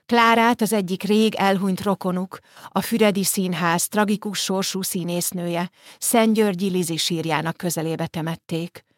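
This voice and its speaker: A woman narrating an audiobook in a calm, measured storytelling manner. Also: fairly low pitch, no room sound, studio quality. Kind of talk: scripted narration.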